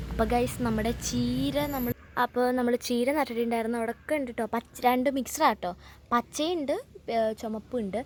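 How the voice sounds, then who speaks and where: A woman's voice: on the high side, a little mellow. A woman vlogging casually while walking around her home garden, chatting to her viewers as she films on a phone. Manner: chatty, addresses viewers as guys. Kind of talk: casual vlog walkthrough. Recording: faint outdoor background noise.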